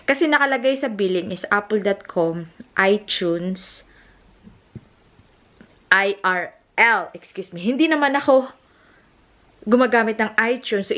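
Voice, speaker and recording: A woman's voice: mid-range voice, a bit bright. A woman from the Philippines, talking casually to camera in a family vlog and mixing Tagalog with English. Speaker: family vlogger.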